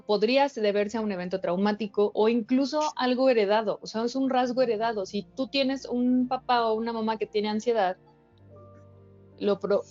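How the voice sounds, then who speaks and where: Slightly high woman explaining. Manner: explanatory, relaxed, slangy. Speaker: podcast co-host. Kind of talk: casual podcast chat. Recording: slightly dull lo-fi, faint music bed.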